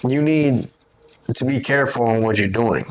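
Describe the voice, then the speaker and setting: A man's voice: mid-range voice, normal speed, low-quality recording. A man co-hosting a podcast, giving emphatic, opinionated takes in casual chat and swearing freely. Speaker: podcast co-host.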